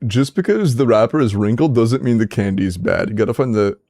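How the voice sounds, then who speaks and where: A man's voice: mid-range voice, animated, fairly quick, warm tone. A man in his twenties, casually chatting on a livestream, playfully bantering with chat and laughing often. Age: 20s. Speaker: streamer. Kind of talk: casual livestream chat reviewing game accounts.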